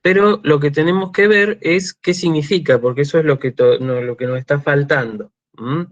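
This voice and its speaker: A man giving an online university lecture, slow and deliberate, checking in often with his students. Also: on the high side, muffled recording. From Argentina. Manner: slow, checks in with frequent "¿sí?" and "este" fillers. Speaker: university lecturer in Greek language and culture.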